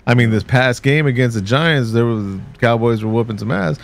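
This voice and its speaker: A man chats loosely on a podcast with friends. His voice sits at an everyday pitch with a gravelly fry. He rambles, trips over his words and restarts, always joking. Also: normal speed. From Texas. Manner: rambling, restarts mid-sentence, jokey. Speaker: podcast co-host. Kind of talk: casual chat.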